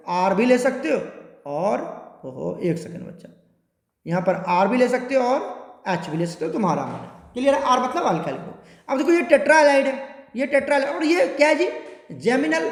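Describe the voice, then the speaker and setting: Male chemistry teacher, very high voice, quizzes students nonstop, lecture in a reverberant hall. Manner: questioning students constantly, repetitive, drawn-out spelling. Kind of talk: classroom lecture. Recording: echoey room with long reverb.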